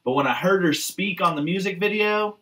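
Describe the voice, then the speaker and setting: Podcast co-host, man about thirty from Massachusetts, exasperated ranting delivery, mildly high voice. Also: a little fast, pushed and bright, far from the mic, slight background noise. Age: late 20s to early 30s. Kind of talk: casual profane chat.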